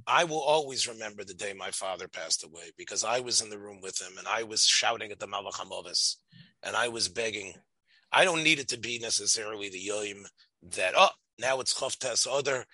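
Emphatic man with bright. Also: on the low side, no room sound, poor audio. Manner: argumentative, emphatic, halting with repeated words. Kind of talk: religious debate, conversational.

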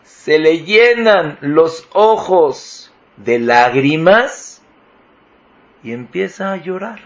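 Slow-speaking man teaching a Torah lesson. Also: on the high side, lively intonation, highs cut off. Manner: rhetorical questions, emphatic rises. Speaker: rabbi teaching.

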